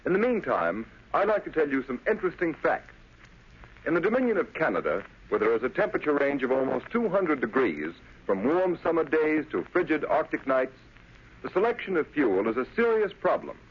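High-pitched, husky vintage radio announcer man. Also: very animated, fairly quick. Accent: American. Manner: formal, emphatic salesmanship. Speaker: radio announcer reading a sponsor's ad. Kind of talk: 1930s radio advertising announcement. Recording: dull vintage radio recording.

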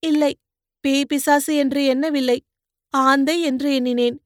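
A woman voicing a spirited, sharp-tongued young boatwoman who answers with mocking retorts, in an audiobook. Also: high-pitched, steady tone, unhurried, no echo, studio quality, pitched above the performer's own voice.

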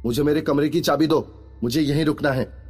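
A man's voice: fairly high pitch, expressive, measured pace, darkish tone, slightly rough, long reverb tail, soft background music, pitched above the performer's own voice. A man voicing a feisty, bossy young woman hotel guest in a spoken story, haughty and demanding. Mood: indignant.

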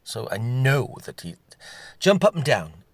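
A man's voice: medium pitch, big pitch swings, unhurried, husky, dry recording. A man doing a huffy posh gossip. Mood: indignant. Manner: theatrical, huffy, drawling darlings. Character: gossiping posh older Englishman, indignant and scandalised.

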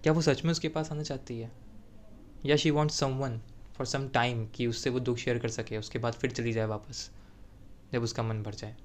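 Male storyteller, reflective, unhurried, medium-pitched voice, romantic tale. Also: fairly even intonation.

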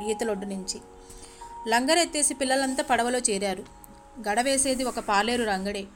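Brief: woman podcast storyteller, fairly high voice, expressive, soft music underneath. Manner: expressive, addresses listeners politely.

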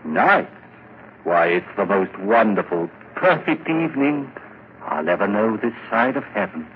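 Fervent, haunted low-voiced musician. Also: male voice, very animated. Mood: elated. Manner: intense, rhapsodic, dramatic pauses. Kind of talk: 1940s radio drama acting. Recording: muffled, noisy vintage radio recording.

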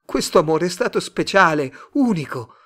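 A man reading a story aloud, voicing an agitated young man desperate in love who pleads and shouts. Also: medium pitch, big pitch swings, moderate pace. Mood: pleading.

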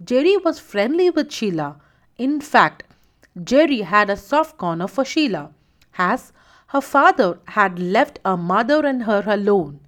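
A woman hosting a children's story show, narrating in an expressive, sing-song way. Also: mid-range voice, measured pace. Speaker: storytelling host.

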